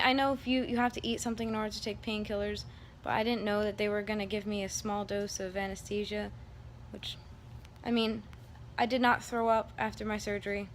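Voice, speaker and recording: A woman talking casually to her vlog audience, recounting a personal experience in a rambling, candid way. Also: medium pitch. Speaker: vlogger. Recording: background room noise.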